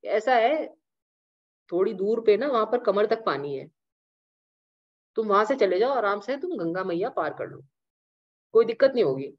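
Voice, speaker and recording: A woman's voice: medium pitch, very animated, normal speed, long pauses. A woman voicing a stubborn, teasing male village boatman who keeps refusing with playful bargaining, in a dull lo-fi recording.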